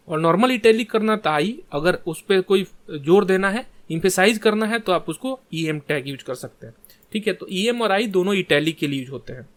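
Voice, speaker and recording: A man teaching a screen-share coding lesson in Hindi mixed with English tech terms, often checking in with "ठीक है". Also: sits high. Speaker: coding tutor.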